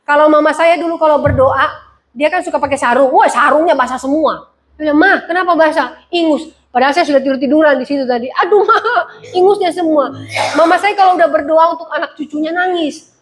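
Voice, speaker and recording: A woman's voice: high-pitched, fast talker. A woman pastor preaching a sermon, mixing humorous home stories with emphatic repeated phrases. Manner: humorous storytelling, emphatic call-and-response phrasing.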